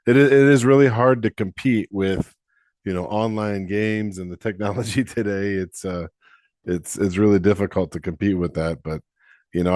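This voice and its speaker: A man's voice: fairly low pitch, a little mellow, no echo, studio quality. A man hosting a podcast interview, chatty and often restarting his questions mid-sentence. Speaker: podcast host. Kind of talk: casual interview.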